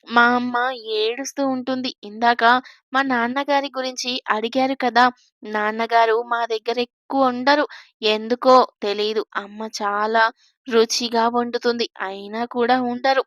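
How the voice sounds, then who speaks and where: A woman's voice: on the high side, fairly even intonation, normal speed, no echo, highs cut off, natural voice. A woman voicing a timid, innocent young girl bride who chatters anxiously. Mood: innocent fearful.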